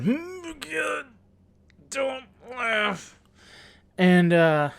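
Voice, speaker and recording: Slow, halting man with a lightish voice, amused storyteller on his vlog. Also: fairly high pitch, a bit bright, dry recording. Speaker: YouTuber.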